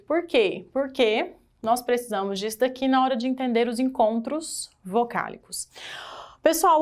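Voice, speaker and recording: Brazilian woman, exam-prep grammar teacher, animated and questioning, slightly high-pitched. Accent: Brazilian Portuguese. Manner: animated, asks the class questions and stresses key words.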